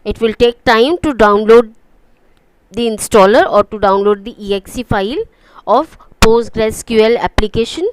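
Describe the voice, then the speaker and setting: A woman's voice: fairly high pitch, moderate pace, clear, resonant tone, poor audio. Woman teaching an online class. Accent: Indian English. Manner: explanatory, frequent "okay" and "right?" checks. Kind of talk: online lecture.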